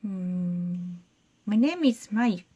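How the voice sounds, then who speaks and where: A Japanese woman who speaks English with a Japanese accent as a second language, talking in a shy, halting way in a casual vlog, partly in a convenience store. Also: on the low side, expressive, warm tone, breathy edge, dry recording. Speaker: guest vlogger.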